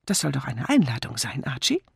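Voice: medium pitch, huge pitch swings, brisk, vocal fry, husky, dry recording, studio quality, heavily acted. A reader voicing a doll-like young wife who coaxes her husband in a wheedling, whiny tone, in an audiobook. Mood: coaxing. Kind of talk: audiobook character voice.

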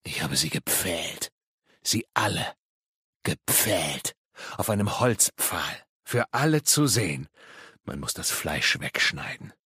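Guy doing a raving junkie, croaky, cracks up high, sinister and manic. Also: very animated, takes it slowly, bright, forceful tone, dry recording, clean studio sound, exaggerated voice. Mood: eerie muttering.

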